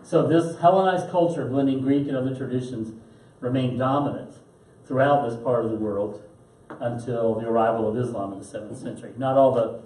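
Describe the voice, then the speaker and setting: A man leading a Bible study in a parish meeting room, talking in a chatty lecture style. His tone is mellow and dark. The sound is echoey and captured from a distance, with faint noise underneath. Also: medium pitch, fairly quick. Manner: chatty, acts out quotes, chuckles often. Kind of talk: conversational lecture.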